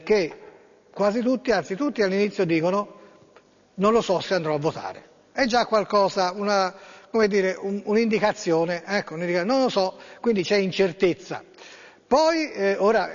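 Rambling high-voiced man, lo-fi echo. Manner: rambling, hesitant, full of fillers. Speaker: radio host. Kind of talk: casual radio chat and reading aloud. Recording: dull lo-fi sound with long reverb.

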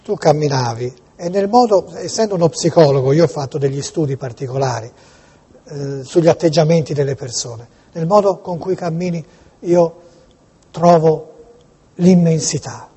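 A man with a Tuscan accent making a prank phone call, gushing with theatrical, insistent flattery. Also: on the high side, moderate pace, slightly rough. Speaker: prank caller.

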